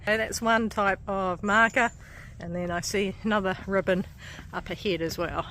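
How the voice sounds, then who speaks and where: This hiking vlogger, a woman in her forties with a New Zealand accent, narrates casually along a coastal trail, chatty and often laughing, a little out of breath from the stairs. Her mid-range voice stays steady and fairly bright at a moderate pace, with slight background noise.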